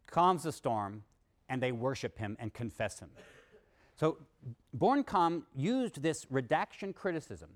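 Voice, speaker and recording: A man lecturing to students, animated, reading passages aloud with emphasis and adding wry asides. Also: mid-range voice. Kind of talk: university lecture.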